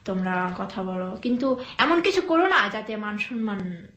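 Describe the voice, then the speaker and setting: A young woman from Bangladesh telling her life story in an interview, speaking softly and hesitantly with many pauses and fillers. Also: medium pitch, big pitch swings, roomy sound, highs cut off. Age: young adult.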